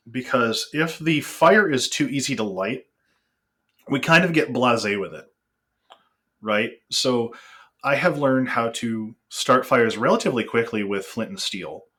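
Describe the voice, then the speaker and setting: Man, mid-pitched, earnest and reflective, podcast conversation. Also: bright, forceful tone.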